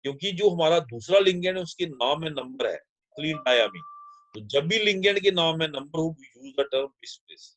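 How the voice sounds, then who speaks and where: A man teaches a chemistry lecture, mixing Hindi and English, explaining each step and asking questions he answers himself while calling his students children. His voice is fairly high, expressive and fairly bright at a moderate pace. The audio is poor, with no echo.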